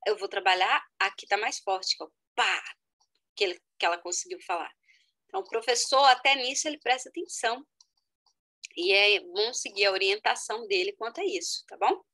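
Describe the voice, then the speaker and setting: Bright-voiced woman giving an online lecture. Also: poor audio. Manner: explanatory, addresses the audience as "gente", lively with sudden high exclamations. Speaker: educational psychologist giving a talk.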